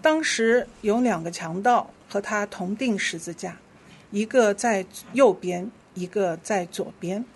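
A woman leading a church service, reading scripture aloud verse by verse in a steady, clear voice. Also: mid-range voice, measured pace. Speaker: worship leader.

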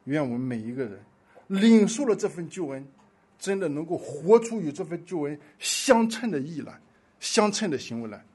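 Male preacher, husky and high-pitched, very animated sermon delivery with loud pleas and quiet asides. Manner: impassioned storytelling, swinging from loud pleading to hushed asides.

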